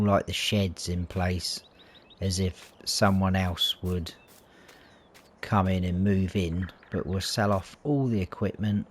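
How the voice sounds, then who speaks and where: Guy with a deep voice rambling through his farm game, changes his mind as he goes. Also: a little mellow, a little hiss or hum. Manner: chatty, thinks aloud, changes mind mid-sentence. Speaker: gaming channel host. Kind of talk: casual gameplay commentary.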